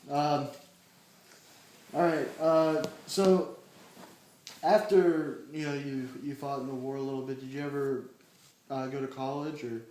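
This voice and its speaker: A man interviewing his neighbor in a casual way. He asks his questions hesitantly, restarting them and filling pauses. His mid-pitched voice rings in an echoey room. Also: fairly even intonation, a little mellow, slight background noise. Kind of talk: casual oral history interview.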